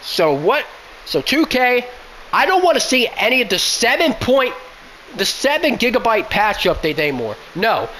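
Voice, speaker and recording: A man's voice: very high-pitched, sing-song, moderate pace, sharp tone, slight background noise, poor audio. A man complaining at length about a buggy video game, exasperated and repeating himself as he pleads for fixes. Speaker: gaming YouTuber. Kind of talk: frustrated game rant.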